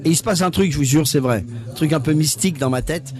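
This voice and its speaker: A fast-talking man with a fairly high, slightly mellow voice spins a long anecdote on stage at a live event. His lively storytelling includes acting out what others said and repeating his own words often.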